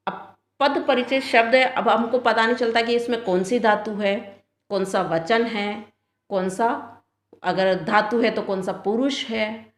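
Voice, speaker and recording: A woman teaching a Sanskrit lesson who reads each line slowly, then explains it and asks questions she answers herself. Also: on the high side, steady tone, roomy sound.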